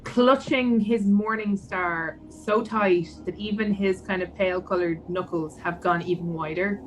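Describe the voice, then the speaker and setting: A woman's voice: mid-range voice, fairly even intonation, unhurried. Female tabletop player, noisy background. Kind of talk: casual in-game chat. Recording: clear background noise.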